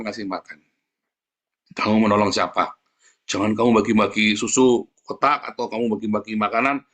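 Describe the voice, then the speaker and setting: A middle-aged male pastor preaching a casual, animated sermon and acting out the voices in his stories. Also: medium pitch. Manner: casual, animated, acts out dialogue. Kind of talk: conversational sermon.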